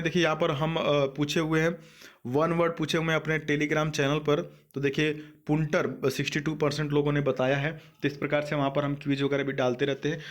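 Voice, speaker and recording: Man teaching, fond of asking and answering himself. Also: a little high. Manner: explains in Hindi mixed with English, repeats key words, asks and answers himself. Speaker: exam coaching teacher. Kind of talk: online vocabulary lesson.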